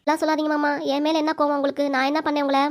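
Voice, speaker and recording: A woman's voice: sits high, flat delivery, natural voice. A woman voicing Amala, a pleading young daughter-in-law. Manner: rapid pleading, repeated appeals. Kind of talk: amateur cartoon voice acting.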